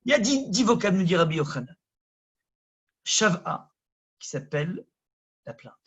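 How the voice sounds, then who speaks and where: A rabbi from France with a Parisian accent, giving a conversational lesson that swings from loud emphasis to hushed asides. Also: male voice, high-pitched, very animated, moderate pace, highs cut off. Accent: Parisian French. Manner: addresses listeners directly, conversational. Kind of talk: lively Torah lesson.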